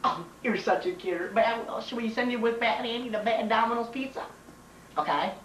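A goofy, chirpy female high school teacher impression by a young man, indulgent and repetitive. It is an amateur comedy skit, captured from a distance in a roomy kitchen with background noise. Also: fairly quick, fairly bright tone. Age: young adult. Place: home kitchen. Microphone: camcorder a few feet away. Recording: noisy, roomy home camcorder audio.

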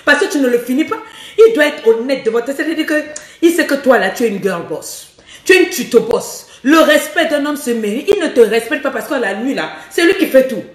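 Hoarse, high-voiced teasing woman coach. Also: lively intonation, a little fast, echoey room, distant mic. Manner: bold, teasing and playful, laughing often, speaking directly to the listener. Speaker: relationship and love coach. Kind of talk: frank advice monologue to women viewers.

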